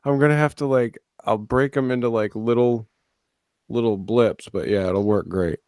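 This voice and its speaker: Man, average pitch, podcast co-host, casual joking banter, teasing, repetitive for effect, dry recording. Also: normal speed, darkish tone, clean tone, no echo. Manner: teasing, repeats himself for effect.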